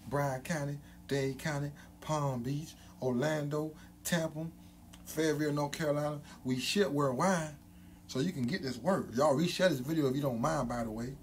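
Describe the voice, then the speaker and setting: A man's voice: a little high, slight background noise. Hype man talking through a gold grill. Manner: hype, repetitive catchphrases, loud ad-libs. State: speaking with grill on teeth. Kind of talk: casual hype promo vlog.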